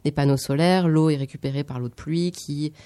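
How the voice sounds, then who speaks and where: Woman, radio chat, mellow voice, rambling, halting, dry sound. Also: low-pitched, steady tone, no room sound. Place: radio studio.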